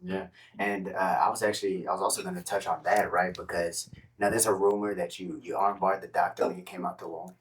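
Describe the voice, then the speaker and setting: Deep, fast-talking host off-mic. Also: male voice, steady tone, breathy edge, distant mic, rough recording. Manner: teasing, laid-back questions. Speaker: podcast host.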